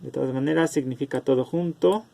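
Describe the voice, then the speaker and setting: A man teaching an online class over a video call, explaining slowly and calling on students by name. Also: medium pitch, vocal fry, mellow.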